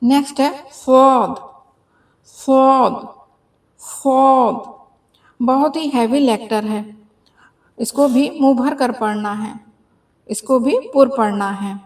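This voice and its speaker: A woman's voice: fairly high pitch, unhurried, darkish tone. A woman teaching beginners how to pronounce letters, repeating each sound three times and explaining patiently. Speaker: Quran reading teacher.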